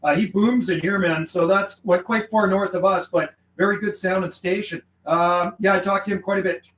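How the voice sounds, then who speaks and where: This high-pitched man, fairly even and bright in tone, talks at a moderate pace during a casual livestream, weaving radio call signs and phonetic codes into slangy chat. The rough, roomy recording has clear background noise.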